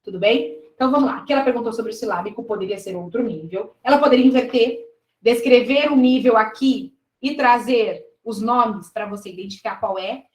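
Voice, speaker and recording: A woman with a Brazilian Portuguese accent leads an exam review, working through answer choices step by step. Her voice sits a little high. The room around her rings with a noticeable echo. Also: a little fast. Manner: explanatory, checks in with students often. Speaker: teacher reviewing exam questions. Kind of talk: live online exam-prep lesson.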